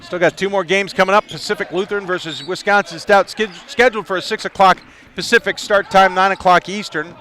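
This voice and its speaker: Play-by-play man calling basketball courtside, bright, high voice, headset mic, laughs easily. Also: fairly even intonation. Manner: quick to laugh, chatty between plays. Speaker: play-by-play commentator. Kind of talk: live basketball commentary. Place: arena broadcast position.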